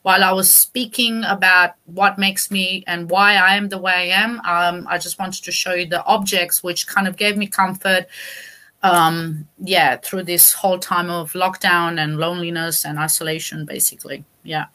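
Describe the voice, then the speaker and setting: A woman from Romania, a poet and performance artist, talking about her work on a video call with many pauses and fillers. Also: lowish voice, steady tone, bright, forceful tone. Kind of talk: online interview talk.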